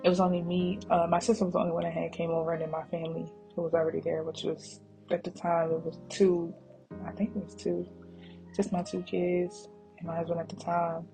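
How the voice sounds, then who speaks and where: A woman's voice: lowish voice, monotone, brisk, gravelly, warm tone, rough recording. Rambling, chatty woman cooking vlogger. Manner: chatty and rambling, drifts into side stories; laughs easily, addresses viewers as y'all. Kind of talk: casual voice-over narration of cooking footage. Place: voice-over added to kitchen footage. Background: background music.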